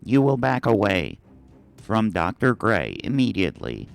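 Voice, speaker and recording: A man's voice: fairly low pitch, very animated, measured pace, vocal fry, faint music behind, pitched below the performer's own voice, full character voice. A man voicing a group of android security units, speaking in a robotic, commanding, emotionless way.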